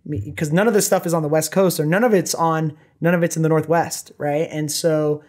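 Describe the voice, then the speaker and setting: In a small podcast studio with bookshelves, a man in his thirties from Southern California talks into a boom-arm desk mic. The company founder, there as a guest for a casual interview, has a fairly high pitch and a brisk pace, and he's animated, with lots of gestures and fillers such as "you know" and "right."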